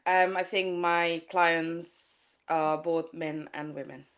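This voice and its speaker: A woman from Sri Lanka who is a life coach and has a child speaks slowly in a low voice with fairly even intonation. She candidly recounts her personal story in a podcast interview, with many restarts and fillers.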